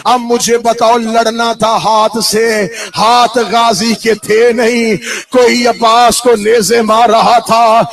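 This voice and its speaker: A man delivering a chanted mourning sermon at a religious gathering, with a passionate, half-sung lament that rises into shouting. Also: very high-pitched, flat delivery, gravelly, faint music behind.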